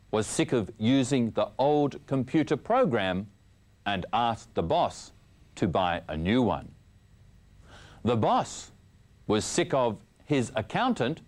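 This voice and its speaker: Expressive, very slow man explaining idioms. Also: medium pitch. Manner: expressive, plays out example sentences. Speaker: idiom segment presenter. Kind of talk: scripted TV lesson segment.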